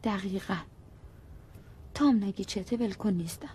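A woman's voice: mid-range voice, dark tone, slight background noise, close to an everyday voice. An actress playing a worried wife who keeps pressing her brooding husband to say what is wrong, in a broadcast drama. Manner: persistent, coaxing.

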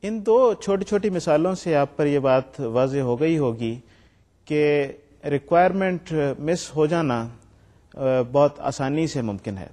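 A man's voice: a little high, lively intonation, warm tone. A man giving a recorded lecture. He explains step by step, mixes in English technical terms and reads his examples aloud with stress.

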